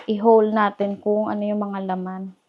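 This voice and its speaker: A woman's voice: mid-range voice, flat delivery, moderate pace, highs cut off, slight background noise. A Filipino woman with a Filipino accent chatting casually to her viewers while cooking in her home kitchen, often calling them guys. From Philippines. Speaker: vlogger. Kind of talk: casual chat to camera.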